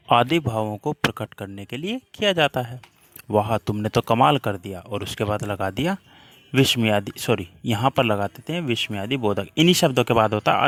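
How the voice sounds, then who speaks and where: A man's voice: medium pitch, fairly bright tone. A man teaching a worksheet lesson to children, patiently explaining with repeated examples.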